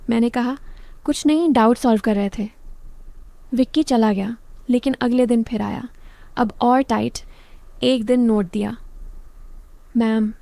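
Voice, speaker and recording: Mellow-voiced woman narrating a story. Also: on the high side, no echo. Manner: short clipped sentences, plain even delivery. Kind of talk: scripted first-person story narration.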